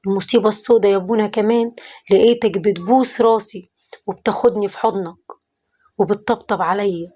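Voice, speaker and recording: A woman's voice: medium pitch, fast talker, mellow, natural voice. A woman voicing a repentant middle-aged former thief who confesses in an Egyptian accent, in a pleading tone. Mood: remorseful. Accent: Egyptian Arabic.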